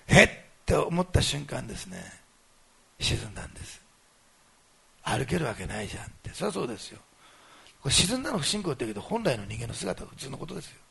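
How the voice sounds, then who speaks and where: A male pastor preaching with a gravelly, husky voice and a lot of rise and fall. He talks quickly and tells the story animatedly, jumping from loud bursts to hushed asides. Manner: animated storytelling, swinging between loud exclamations and low asides. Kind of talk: sermon.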